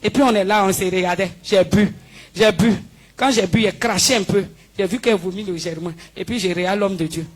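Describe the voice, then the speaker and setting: Animated woman giving testimony. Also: medium pitch, a little fast. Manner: animated storytelling, acting out dialogue with the pastor. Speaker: church member giving a healing testimony. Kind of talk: spoken testimony before a congregation.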